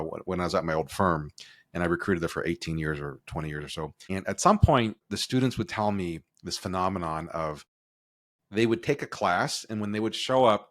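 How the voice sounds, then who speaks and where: A middle-aged man chimes in as co-host, joking and rambling and restarting his sentences. His voice sits a little low. The recording is dry and close. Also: dry recording. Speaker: podcast co-host. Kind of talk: casual conversation.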